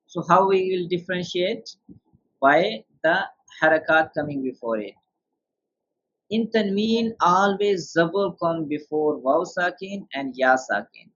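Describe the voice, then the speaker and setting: A man's voice: high-pitched, expressive, a little slow, fairly bright tone. Man teaching tajweed in a quizzing tone. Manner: patient, quizzes the student with questions. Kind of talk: step-by-step beginner lesson. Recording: dull lo-fi sound.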